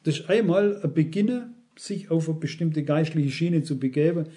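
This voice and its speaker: A warm-toned, slightly high voice belongs to this middle-aged man preaching a sermon at a moderate pace. Earnestly, he repeats phrases and turns to the congregation again and again with direct questions.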